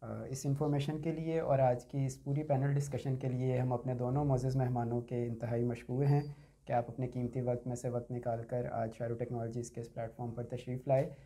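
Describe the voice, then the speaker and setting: A man's voice: mid-range voice, flat delivery, fairly quick, dark tone. A middle-aged man hosting a panel, giving formal, polite closing thanks in a small studio on a desk mic. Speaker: host. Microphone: desk boom mic.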